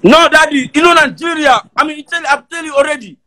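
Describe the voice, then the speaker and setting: A man's voice: extremely high pitch, quick pace, sharp tone, shouting, poor audio. A man on a phone video call, insistently repeating himself and defending his story. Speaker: caller. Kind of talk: casual video-call banter.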